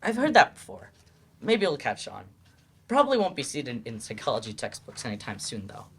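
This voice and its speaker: With a little hiss or hum in the background, a man performs a guarded adult male student in stage-play fashion. The character sounds earnest, halting, and self-doubting, pitch swinging lively, and his mood is resigned and frustrated.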